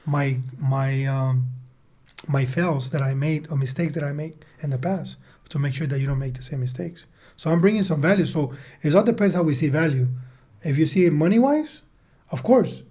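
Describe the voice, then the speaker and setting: This man in his thirties, a sales team leader and entrepreneur appearing as a podcast guest, has a fairly high voice with a dark tone. He replies in a conversational way, stressing points emphatically by repeating words.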